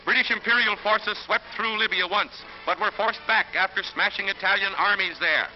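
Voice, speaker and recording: A man narrates an old 1940s newsreel in a high, emphatic announcer's voice. The sound is dull and lo-fi like an early film soundtrack. Loud orchestral music plays under him. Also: normal speed.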